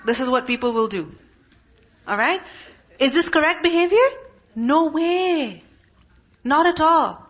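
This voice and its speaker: A high-voiced woman teaches a Quran lesson to a class, repeatedly asking her students questions and then answering them herself. She's animated and unhurried, with long pauses and a bit bright, and the recording sounds dull and lo-fi.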